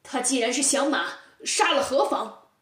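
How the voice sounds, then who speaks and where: A man's voice: very high-pitched, animated, normal speed, pushed and bright, reverberant, distant mic, exaggerated voice. A woman voicing an arrogant young male noble in a children's storybook tale, haughty and blustering.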